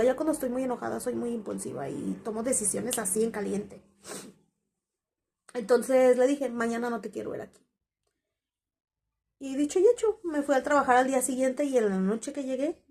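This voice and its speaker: A woman's voice: on the high side, gravelly, warm tone, a little hiss or hum. A woman, candidly telling the story of her breakup to her viewers. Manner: candid, conversational, quotes past dialogue. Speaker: vlogger. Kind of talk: confessional storytelling.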